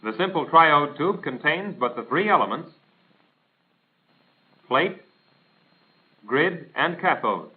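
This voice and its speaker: Slow and punctuated by long pauses, a slightly high American male voice with lively intonation reads a scripted instructional narration. He is formal, precise and didactic, in the style of a 1940s military training film. The sound is tinny and band-limited, like an old 1940s film track.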